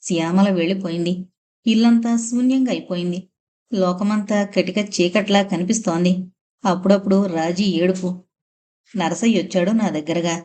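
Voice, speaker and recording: A woman's voice: lowish voice, normal speed, mellow. A woman narrating a novel aloud in the first person, with an emotional reading style. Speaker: audiobook narrator.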